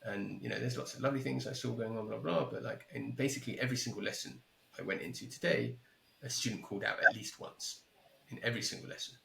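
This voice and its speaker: Gravelly man telling a story on a call. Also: mid-range voice, fast, reverberant. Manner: animated, repeats himself, acts out both sides of conversations. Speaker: podcast guest. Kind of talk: casual storytelling. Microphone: headphones with mic, remote call.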